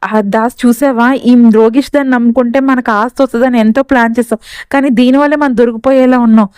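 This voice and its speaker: A conniving young villainess plots in quick, scornful bursts, as a woman narrator voices her. The voice is smooth and clear, a little high, and rattles along at a brisk clip. It suits a serial recap told like a story. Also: fairly even intonation, darkish tone, no room sound, close to an everyday voice. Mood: scheming. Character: scheming villainous young woman plotting for wealth.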